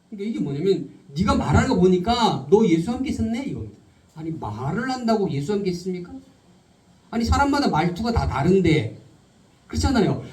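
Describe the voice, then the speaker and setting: A male pastor preaching a sermon, firing rhetorical questions at the congregation and slowing down to stress key words. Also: sits high, dark tone. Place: church sanctuary. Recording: roomy hall, speaker far from the mic.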